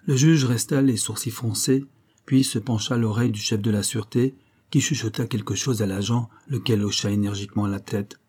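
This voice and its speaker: A man reading a classic detective novel aloud as a narrator, with steady storytelling that rises in pitch for the characters' lines. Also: fairly quick, breathy edge. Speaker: audiobook narrator.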